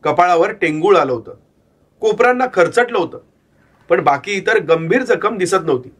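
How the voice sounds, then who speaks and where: A man narrating a first-person horror story in a calm, measured way, voicing the quoted lines of the people in it. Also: high-pitched, slightly rough.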